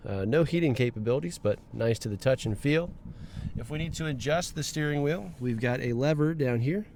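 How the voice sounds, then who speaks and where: A mid-pitched car dealership presenter gives a friendly, casual walkaround, first outdoors around the car and then inside it. He makes chatty asides to himself as he goes, with faint street noise audible outside.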